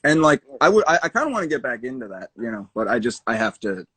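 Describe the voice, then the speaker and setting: A man's voice: medium pitch, very animated, fast, a bit bright, slightly rough, no room sound. A young male music producer chatting casually, rambling with lots of fillers. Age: young adult. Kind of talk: casual chat.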